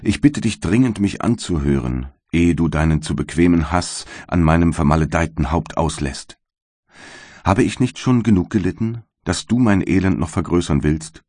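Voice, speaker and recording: A monstrous giant creature speaks with bitter, solemn reproach, voiced by a man in a storybook reading. The voice sits very deep. The sound is dry and close. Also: darkish tone, dry recording. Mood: pleading. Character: hulking male creature, bitter and pleading. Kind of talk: audiobook reading.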